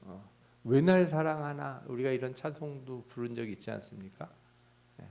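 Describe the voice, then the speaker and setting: A man's voice: mid-range voice, moderate pace, gravelly, dark tone. A male pastor giving a Bible exposition sermon in a conversational way, asking the congregation questions and acting out people's prayers and thoughts. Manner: acts out prayers and inner thoughts in quoted voices.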